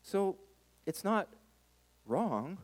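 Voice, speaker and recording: A man's voice: high voice, big pitch swings, very slow. A man preaching a sermon as a pastor, with an emphatic delivery that leans on dramatic repetition. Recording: reverberant hall.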